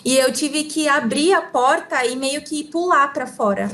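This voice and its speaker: A woman's voice: high-pitched, fairly bright tone. A woman with a Brazilian Portuguese accent interpreting a speaker phrase by phrase. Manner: quick, relaying phrase by phrase. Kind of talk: consecutive interpreting.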